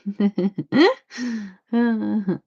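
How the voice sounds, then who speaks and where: A woman's voice: medium pitch, drawn-out words, mellow, husky. A woman chatting casually to her viewers while she paints at home, rambling from one thought to the next. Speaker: saw painter streaming her work. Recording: dull lo-fi sound.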